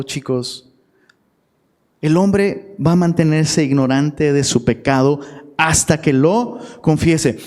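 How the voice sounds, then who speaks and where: Guy pastor preaching casual to young folks, slangy, keeps asking the crowd stuff, a bit high voice, big hall echo. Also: darkish tone. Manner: slangy and chatty, often asks the audience questions. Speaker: youth pastor. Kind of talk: casual sermon to a live audience. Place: church hall. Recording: long hall reverb.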